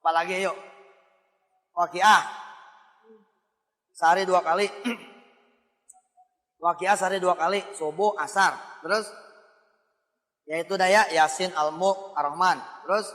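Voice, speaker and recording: Man, lively preacher, high bright voice, long hall reverb. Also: takes it slowly, pauses often. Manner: animated, playful, calls out to the audience. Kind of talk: lively sermon to a congregation.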